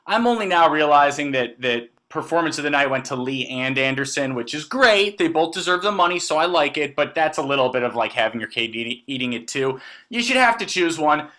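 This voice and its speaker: A man co-hosting a casual sports podcast, animated and prone to hesitant restarts as he leads each segment. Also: fairly high pitch. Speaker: podcast co-host.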